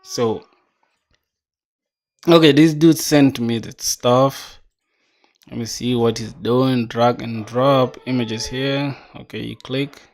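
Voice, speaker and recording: A man's voice: medium pitch, fairly even intonation, slow pace, long pauses, darkish tone. A man in his twenties chatting casually on a coding livestream, laid-back and slangy, reading viewer comments aloud. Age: 20s. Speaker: streamer.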